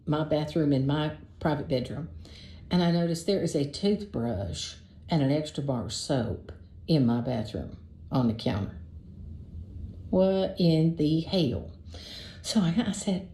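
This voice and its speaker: A woman's voice: low voice, warm tone. A woman casually telling a long personal dating story, chatty and exasperated, often restarting her sentences. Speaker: storyteller sharing a dating experience. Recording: roomy echo.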